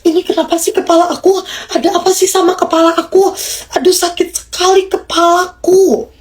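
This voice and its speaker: Woman acting out a small whining child, high squeaky complaining voice, sore head. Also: level tone, brisk. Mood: whiny.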